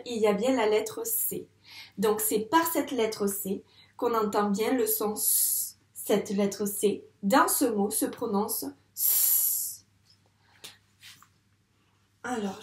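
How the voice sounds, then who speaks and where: A woman teaching a reading lesson to young children in a patient, encouraging way, sounding out words slowly at the board. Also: medium pitch, a little mellow, reverberant. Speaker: primary school teacher. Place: classroom with a board.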